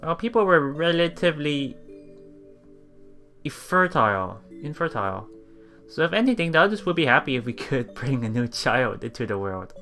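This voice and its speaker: Very animated and fairly bright, a mid-range voice at normal speed reads a visual novel on a let's play stream. Game music plays as the streamer stumbles, goes back over lines, and murmurs reactions between readings.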